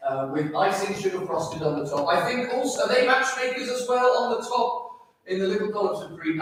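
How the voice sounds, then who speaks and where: A man's voice: high voice, fairly bright tone, a little hiss or hum. A man hosting a staff bake-off, chatting cheerfully as he tastes the cakes and talks with his mouth full. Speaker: host judging a staff bake-off. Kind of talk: live-streamed commentary. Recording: echoey hall, far from the mic.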